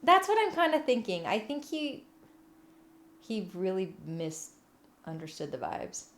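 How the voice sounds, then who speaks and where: A woman livestreamer chatting casually with viewers in a playful, cutesy, giggly and animated way. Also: mid-range voice, unhurried, a little hiss or hum. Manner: animated, expressive delivery. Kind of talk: casual live chat. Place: room at home.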